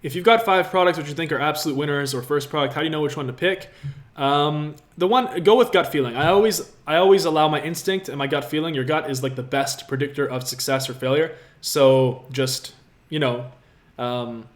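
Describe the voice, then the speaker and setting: A brisk man's voice on the high side. The speaker, a Latvian in his twenties, fields viewer questions in a casual livestream from his city-view apartment room, speaking directly to viewers in an upbeat, motivating way.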